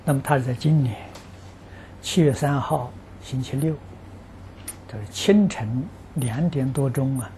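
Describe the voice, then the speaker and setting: A man delivers an unhurried Buddhist dharma talk in a dark, mellow voice, his pauses filled with long "ah" sounds. He sounds earnest and keeps insisting that what he says is true. His pitch sits at an ordinary middle height. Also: slight background noise. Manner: peppers speech with drawn-out "ah" fillers; earnest, stresses that the account is true. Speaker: Buddhist teacher answering practitioners' questions.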